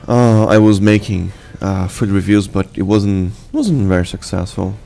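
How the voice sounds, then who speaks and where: Speaking English with a Brazilian accent, a young adult channel host whose first language is Portuguese stumbles casually through an update with many fillers and restarts. The voice is lowish, gravelly and warm, and faint music plays underneath.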